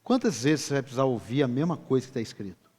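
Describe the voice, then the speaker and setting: A man's voice: mid-range voice, animated, fast talker, breathy edge. A man with a Brazilian Portuguese accent preaching a sermon, emphatic and firing rhetorical questions at his congregation. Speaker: pastor. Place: large church hall. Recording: reverberant church hall with soft music.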